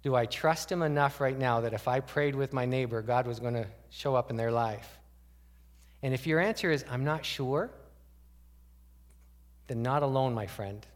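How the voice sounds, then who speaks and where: A man's voice: mid-range voice, moderate pace, long pauses, in a large hall. A man preaching a conversational sermon as a pastor, asking the congregation many rhetorical questions. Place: church sanctuary.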